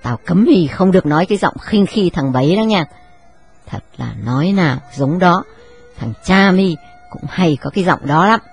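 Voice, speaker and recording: Một người phụ nữ đọc truyện, đóng vai bà cụ già nghiêm khắc hay rầy la con, giọng miền Trung. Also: female voice, fairly low pitch, animated, moderate pace, breathy edge, soft background music. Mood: scolding. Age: older. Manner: scolding, lecturing. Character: old matriarch, stern and moralizing.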